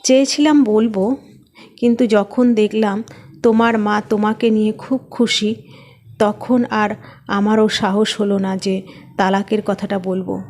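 A woman voicing a guarded young husband who speaks in a calm, measured way in a read-aloud story. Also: mid-range voice.

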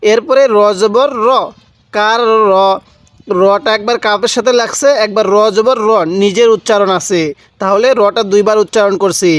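A man teaches beginners to read the Quran, his high voice spelling out syllables one at a time. He repeats each sound patiently and checks in with questions. The recording is close and dry, with no room sound. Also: steady tone, normal speed, dry recording. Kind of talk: spelling-out lesson for learners.

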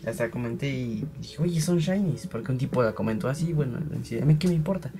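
A young man gives loose, rambling commentary while he plays, now and then voicing the sounds of his digging aloud. His voice has a mellow, warm tone. Faint music plays quietly underneath him. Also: medium pitch, fast, vocal fry. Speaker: gaming channel host. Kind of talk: casual gameplay commentary.

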